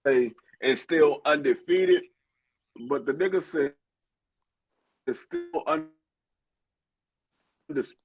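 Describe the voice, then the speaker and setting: A man's voice: on the high side, slow pace, pauses often. A man calling in to a casual sports chat, stammering and restarting his sentences, his words breaking off as the call audio cuts out. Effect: choppy call audio that cuts out mid-word. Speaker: co-host calling in. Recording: tinny voice-call line.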